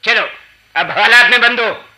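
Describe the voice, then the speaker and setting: Gruff policeman, high bright voice, radio drama. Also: normal speed, heavily acted. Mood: contemptuous. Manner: gruff, contemptuous. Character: brusque male policeman.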